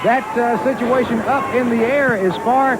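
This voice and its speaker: Guy hosting wrestling tv, kinda high voice, loud building behind him. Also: steady tone, normal speed. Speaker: wrestling TV host and commentator. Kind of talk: live sports broadcast hosting. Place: broadcast desk in a crowded arena. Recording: noisy arena crowd behind the voice.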